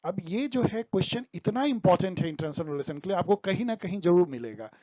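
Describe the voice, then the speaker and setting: A man's voice: high-pitched, expressive, fast, warm tone, no echo, highs cut off. A man explaining current affairs for exam students over slides, mixing English terms into his talk. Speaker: exam tutor.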